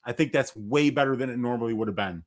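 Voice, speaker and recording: A man's voice: medium pitch, fast. A man co-hosting a live fight watch-along, a little tipsy, joking around in casual banter. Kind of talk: casual live-stream chat.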